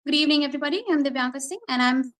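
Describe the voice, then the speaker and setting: High-pitched woman, excited, slightly halting. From India. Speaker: first-time debate delegate. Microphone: video call.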